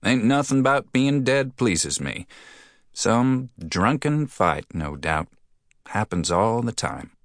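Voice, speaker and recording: Man voicing drifting cowboy, terse, flat drawl, deep, dry sound. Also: slow, no echo, heavily acted. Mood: weary. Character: weary drifting cowboy, plainspoken.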